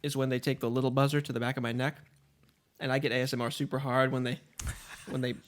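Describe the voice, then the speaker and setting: A man's voice: mid-range voice, level tone, quick pace. A man co-hosting a casual podcast, rambling and joking while eating into the microphone. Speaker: podcast co-host. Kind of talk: casual chat. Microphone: studio microphone.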